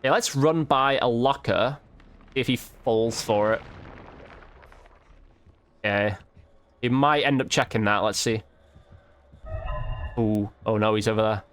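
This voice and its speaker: Now medium-pitched, a bit bright, and clean-toned, the video game streamer talks slowly with long pauses. As a YouTube host, he keeps up casual live commentary on his gameplay, reacting with slang and exclamations.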